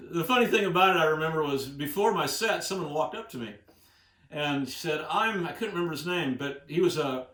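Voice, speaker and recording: Guy in his 60s telling an old story, chatty, lots of you knows, kinda high voice, echoey room. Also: a little fast, fairly bright tone. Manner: chatty, frequent laughs and restarts, "you know". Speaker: musician host. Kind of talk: casual storytelling. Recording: roomy echo.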